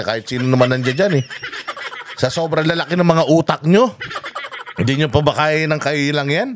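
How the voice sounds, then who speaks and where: A man's voice: a little high, a little hiss or hum. A man from the Philippines ranting in a reactive commentary, mocking and profane, often laughing at what he hears. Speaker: political commentary vlogger.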